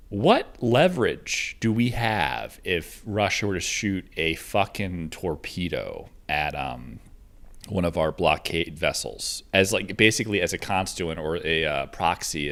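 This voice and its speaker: A man's voice: deep voice, fairly bright tone. A man ranting casually on a livestream, rambling and swearing with lots of fillers. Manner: rambling and profane, with frequent fillers.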